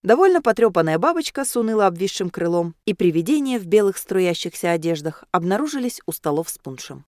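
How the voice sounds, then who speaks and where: Lively woman reading a story. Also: lowish voice, fast, few pauses, dry recording, studio quality. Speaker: narrator. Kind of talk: audiobook narration.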